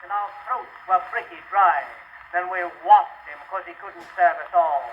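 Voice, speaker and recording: A man's voice: sits high, moderate pace, dull audio, natural voice. A man playing a boisterous British soldier in a hammy recitation of verse. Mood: storytelling, fervent. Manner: hammy theatrical stage declamation, shouting and swelling. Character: rough, boisterous old British soldier in India, reminiscing fervently. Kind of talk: 1920s dramatic verse recitation. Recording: scratchy band-limited 1920s acoustic record.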